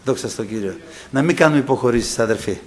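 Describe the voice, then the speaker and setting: A man preaching a sermon. He speaks with passion, acts out the voices in the stories he tells, and keeps calling his listeners brothers. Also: mid-range voice. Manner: impassioned preaching, acting out quoted voices, often addressing "brothers". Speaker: pastor.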